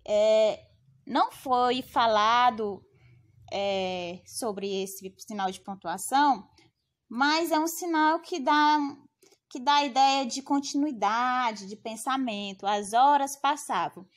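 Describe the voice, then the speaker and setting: A woman's voice: a little high, slow pace. A Brazilian woman teacher patiently explaining a grammar lesson step by step, often checking in with her students. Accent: Brazilian Portuguese. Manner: patient, explaining step by step with frequent tag questions.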